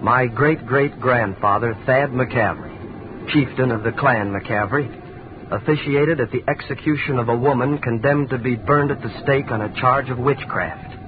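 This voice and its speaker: A man's voice: mid-range voice, normal speed, noisy background, lightly acted. An actor in 1940s radio drama playing a wounded man who earnestly recounts his family's curse. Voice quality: earnest, storytelling. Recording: tinny old radio broadcast.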